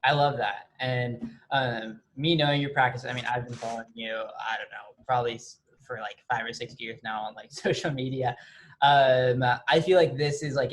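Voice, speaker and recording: Chatty male interviewer. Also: mid-range voice. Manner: chatty, heavy use of like. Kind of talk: casual interview questions.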